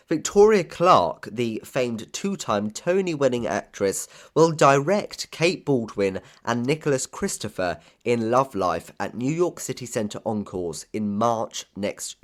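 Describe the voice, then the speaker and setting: Chatty man with a slight lisp. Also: lowish voice. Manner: chatty, opinionated, self-deprecating asides. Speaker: theatre news podcast host. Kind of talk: casual solo news chat.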